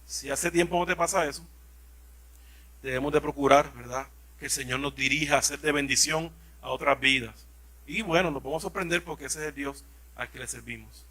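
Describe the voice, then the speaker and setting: Male pastor, Puerto Rican accent, high bright voice, sermon reading with asides. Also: brisk. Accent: Puerto Rican Spanish. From Puerto Rico. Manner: reads scripture aloud, then explains with asides and restarts.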